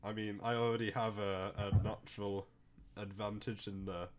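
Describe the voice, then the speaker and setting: A man co-hosting a game let's play, talking in a halting way and chuckling often. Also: lowish voice, flat delivery, slight background noise. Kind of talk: casual chat.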